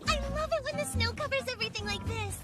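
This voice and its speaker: A woman voicing an excitable little girl princess in an anime English dub, speaking in a bubbly, eager way. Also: very high-pitched, quick pace, over loud music. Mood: excited.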